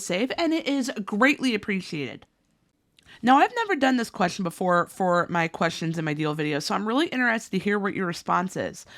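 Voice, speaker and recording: A woman with a high, fairly bright voice runs a couponing channel and chats her way through the deals even though she's losing her voice. Bubbly and talkative, she lists items and their prices in an upbeat, scripted rundown.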